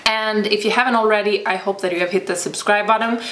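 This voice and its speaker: Speaking fast in a steady, mid-range voice, a native Swedish speaker who works as a personal trainer and vlogger fields viewer questions casually. She sounds thoughtful, hesitating while hunting for words, and her Swedish accent comes through in an echoey room with faint background noise.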